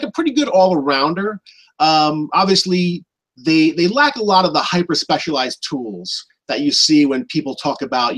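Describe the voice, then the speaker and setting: A man's voice: on the high side, fairly bright tone, rough recording. A man talking as a guest on a tabletop gaming show, explaining in a conversational way with frequent fillers. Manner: conversational, frequent "you know". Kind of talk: casual hobby gaming discussion.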